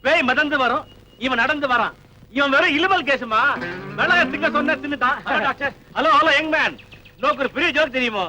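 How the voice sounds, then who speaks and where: A blunt, joking doctor. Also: male voice, very high-pitched, fairly quick, pushed and bright, exaggerated voice, rough recording. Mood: teasing. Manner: mocking, offhand. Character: joking, blunt male doctor who teases.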